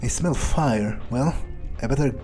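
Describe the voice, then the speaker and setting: This streamer roleplays through a video game in character, his medium-pitched, warm male voice unhurried. He thinks aloud in a sardonic mutter, swearing a great deal, with game music in the background.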